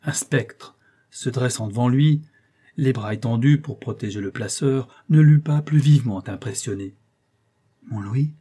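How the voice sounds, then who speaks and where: Mellow, husky male audiobook narrator. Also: mid-range voice, normal speed. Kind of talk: scripted narration of a classic novel.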